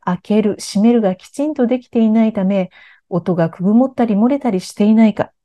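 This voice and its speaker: A woman narrating a scripted lesson on articulation and intonation, explaining clearly and evenly. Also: fairly high pitch. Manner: clear, even-paced explanation. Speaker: speech coach.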